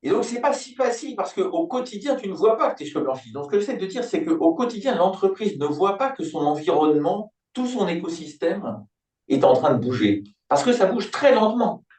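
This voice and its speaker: Older French-speaking consultant type, thoughtful and explanatory, recorded off-mic in an echoey room. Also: male voice, sits high, big pitch swings, fairly quick, darkish tone. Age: 60s. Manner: reflective, explanatory, thinks aloud with homely examples. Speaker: business turnaround consultant, company founder. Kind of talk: conversational interview. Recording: roomy, distant mic.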